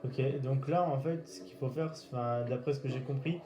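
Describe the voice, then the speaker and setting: A man's voice: medium pitch, a little fast. A man casually commenting on his gameplay, hesitant and full of fillers. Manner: hesitant, filler-heavy narration. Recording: roomy, noisy game capture.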